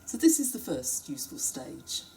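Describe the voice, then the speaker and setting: A woman researcher explaining step by step how to run a classroom project, in a lively, guiding manner. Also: a bass voice, moderate pace, creaky, low-quality recording. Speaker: university researcher. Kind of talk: instructional explanation.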